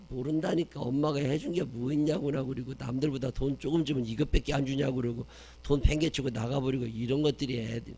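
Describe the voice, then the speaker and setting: A man preaching a sermon as pastor, telling stories with loud emphasis and dropping soft for tender quotes. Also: medium pitch, creaky, slightly rough.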